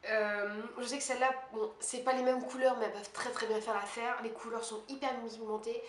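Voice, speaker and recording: Woman, beauty vlogger, fast self-mocking chatter, fairly high voice, roomy echo. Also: flat delivery. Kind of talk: casual monthly favorites haul chat. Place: her apartment. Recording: echoey room with faint hiss.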